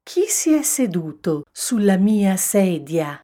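A woman's voice: mid-range voice, sing-song, slow pace, dark tone, pitched above the performer's own voice. A woman voicing a motherly mama bear who grumbles indignantly in a storybook reading.

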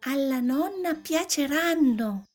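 A woman's voice: high voice, lively intonation, takes it slowly, darkish tone, soft background music, voice pushed up. A woman voicing a cheerful, naive little girl in a storybook tale, with a thin small voice and an innocent, exclaiming manner. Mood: delighted. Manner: innocent, wide-eyed, exclaiming.

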